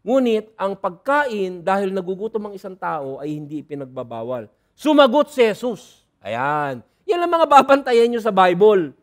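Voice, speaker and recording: A man preaching a sermon as pastor, lively, dropping from soft asides to loud bursts and mixing in English phrases. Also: high-pitched, moderate pace.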